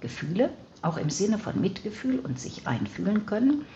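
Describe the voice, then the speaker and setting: A woman narrating an audiobook in an even, measured reading voice, on slightly dull audio. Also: mid-range voice, a little hiss or hum. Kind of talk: scripted narration.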